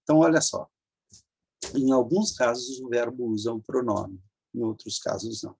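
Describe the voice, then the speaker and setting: A man's voice: mid-range voice, fairly even intonation, moderate pace, vocal fry, darkish tone, husky. A man teaching an online grammar lesson, patiently explaining step by step, repeating forms and checking in with the listener.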